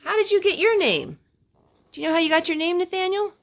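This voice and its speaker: Very high-pitched, animated and fast, a woman who is a mother reads a story to young children, chatting and singing along the way. She asks the child questions and repeats their answers back.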